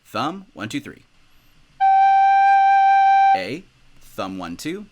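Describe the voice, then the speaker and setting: Lively young man teaching music. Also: drawn-out words. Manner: upbeat, instructional, lively pitch. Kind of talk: music tutorial.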